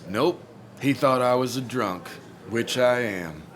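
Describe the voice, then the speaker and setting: Slow-talking snarky guy, needling, game dialogue. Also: medium pitch, lively intonation, fairly bright tone. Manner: sarcastic, needling. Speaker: IT worker.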